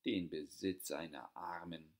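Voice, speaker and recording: A man voicing a rich, haughty elder sister who shouts sharply and with contempt. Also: sits low, steady tone, measured pace. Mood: furious.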